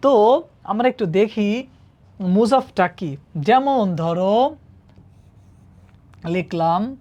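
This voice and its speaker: Extremely slow and expressive, her mid-range voice sounds mellow, with the highs cut off. The woman patiently teaches Arabic grammar to a class. She questions the students and often checks with "ঠিক আছে?".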